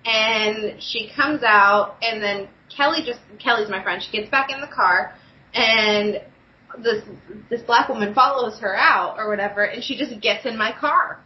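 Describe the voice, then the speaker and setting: A woman's voice: on the high side, unhurried, reverberant, muffled recording. A woman hosting a podcast, telling a story in casual chat, with an easy laugh.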